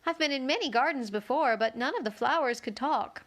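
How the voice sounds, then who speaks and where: A woman's voice: high voice, lively intonation, fairly quick, a bit bright. A woman playing a polite, curious young girl from a children's storybook, speaking in an earnest, inquisitive manner.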